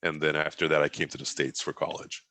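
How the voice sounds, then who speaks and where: In casual interview chat, a forty-something guest from Turkey, a native Turkish speaker, wanders through his past and restarts often. He talks fast in a rumbling low, forceful, bright voice with little change in pitch, and there's no echo.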